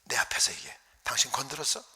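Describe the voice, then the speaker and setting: Male revival preacher, bright and lively, shouts then whispers, echoing church hall. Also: mid-range voice, fast, breathy edge. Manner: animated storytelling, acting out voices, dropping to whispers. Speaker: pastor. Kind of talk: revival sermon storytelling.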